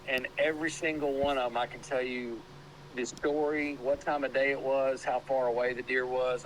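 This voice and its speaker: Older man, 60s, podcast guest, steady plain talk, faint noise. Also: mid-range voice, poor audio. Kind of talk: casual chat.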